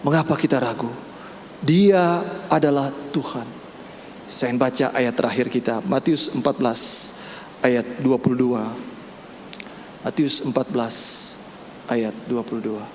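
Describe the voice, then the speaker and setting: A man preaching a sermon as pastor, breaking into loud, high-pitched exclamations. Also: measured pace, long pauses. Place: large church hall. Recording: echoey church hall, faint room noise.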